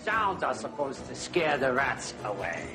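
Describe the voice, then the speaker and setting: A sardonic, grumbling working man in a film scene. He mutters slowly and drily, with lively swings in pitch. Loud music covers the quiet, distant clip. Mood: dry, scornful. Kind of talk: film acting.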